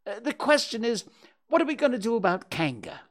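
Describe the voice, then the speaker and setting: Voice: mid-range voice, big pitch swings, brisk, voice pushed up. A storyteller voicing a small, timid, anxious but kindly piglet in a children's storybook, with a fussy, earnest manner.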